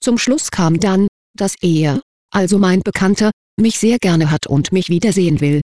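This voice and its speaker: Matter-of-fact reader narrating a confession, dry close sound, middle pitch. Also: normal speed, mellow, dry recording. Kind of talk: scripted narration.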